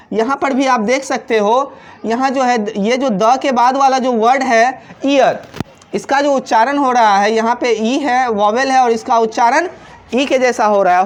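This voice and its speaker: Female teacher, slightly high voice, patient repetitive classroom explaining, on words. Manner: repeats points, asks rhetorical questions. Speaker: English teacher. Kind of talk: Hindi grammar lesson at a board.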